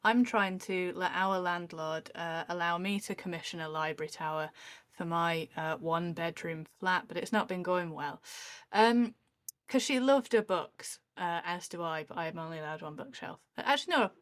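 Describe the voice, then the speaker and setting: A woman's voice: fairly low pitch, normal speed, fairly bright tone, dry recording, studio quality. A woman co-hosting a casual podcast, chatty and joking, a little tipsy from day drinking. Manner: chatty, swearing, joking, with fillers. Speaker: podcast co-host. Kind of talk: casual chat.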